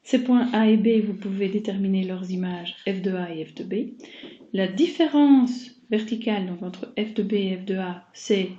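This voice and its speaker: Her mellow, mid-range voice keeps a moderate pace as this woman, a math teacher, explains a recorded lesson one step at a time and talks directly to her class. The sound is muffled and dull, with echo from the room.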